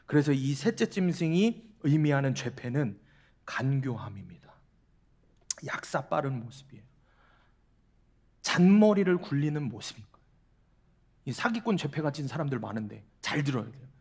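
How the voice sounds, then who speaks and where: A man's voice: fairly high pitch, lively intonation, a little fast, darkish tone, slightly rough. A male pastor giving a sermon to young adults, asking the congregation repeated questions and telling a humorous personal story. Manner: tells a humorous personal story with quoted dialogue.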